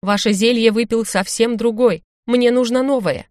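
A woman's voice: on the high side, steady tone, moderate pace, darkish tone, dry recording, studio quality, pitched above the performer's own voice, close to an everyday voice. A woman voicing a spoiled, scheming young noblewoman who pleads and insists, in a storybook reading. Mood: pleading.

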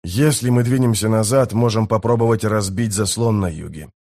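A man voicing a wary, grim male historian who speaks quietly and with restraint, in an audiobook. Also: deep voice, fairly even intonation, moderate pace, natural voice.

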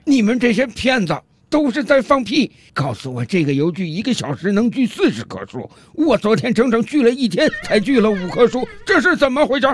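A man voicing an indignant customer who shouts at a shop clerk. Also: high-pitched, very animated, fairly quick, few pauses, voice pushed up. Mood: furious. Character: angry cheated male customer.

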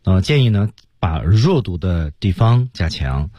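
Male radio teacher, low husky voice, lively intonation, patient explainer. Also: dry recording, highs cut off. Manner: explains slowly, models lines in English. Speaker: English reading teacher.

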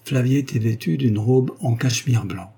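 A man narrating a novel as an audiobook in an even, measured reading. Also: mid-range voice, vocal fry, breathy edge.

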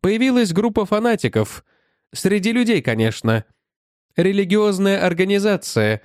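A man voicing an old, rusty male robot that was just brought back to life, speaking in a steady, explaining way. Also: high-pitched, normal speed, no room sound, clean studio sound, pitched above the performer's own voice. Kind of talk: audiobook narration.

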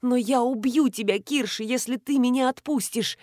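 A woman's voice: moderate pace, a little mellow, no room sound, clean studio sound, lightly acted. A woman doing a desperate tearful young woman. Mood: anguished. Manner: pleading, high and urgent.

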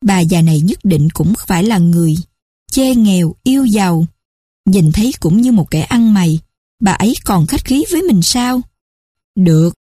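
Người phụ nữ kể chuyện, giọng trầm ấm. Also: female voice, mid-range voice, dark tone, husky, no room sound, clean studio sound. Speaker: storyteller. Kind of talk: scripted story narration.

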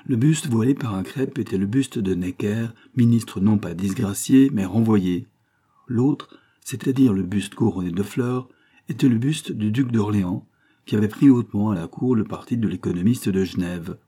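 A man narrates a classic novel in a low, dark voice with a husky edge. He reads steadily and evenly, lifting his pitch and volume for the characters' lines. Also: moderate pace. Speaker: audiobook narrator.

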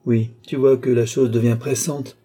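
A man's voice: medium pitch, steady tone, moderate pace, dark tone, lightly acted. A man voicing an old duke and marshal in an audiobook, sly and teasing, with a lightly threatening, knowing tone. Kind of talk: audiobook reading.

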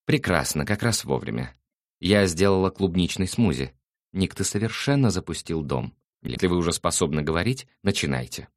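A man voicing a brisk, commanding middle-aged mother in an audiobook. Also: sits low, sing-song, no room sound, studio quality, pitched above the performer's own voice. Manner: brisk, bossy.

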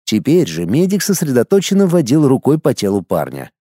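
A man reading a novel aloud as an audiobook narrator, in an expressive, measured storytelling manner. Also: medium pitch, slightly rough, no echo, clean studio sound.

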